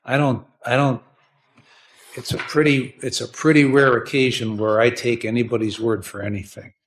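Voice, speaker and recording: In a courtroom, a blunt American man serving as judge questions and lectures in plain, repetitive phrases, often ending with a short check for agreement. His voice is medium-pitched with little pitch movement, at a normal speed.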